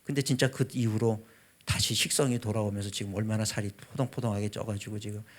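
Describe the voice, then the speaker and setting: A man in his fifties, a pastor, telling a personal testimony in a revival sermon with a husky voice, swinging from loud to hushed. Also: lowish voice, fairly even intonation, fast talker. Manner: emotional storytelling, voice rising and dropping sharply.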